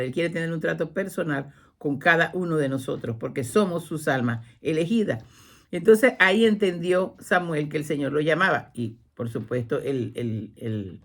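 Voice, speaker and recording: Woman retelling scripture with acted quotes. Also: sits low. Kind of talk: religious talk show.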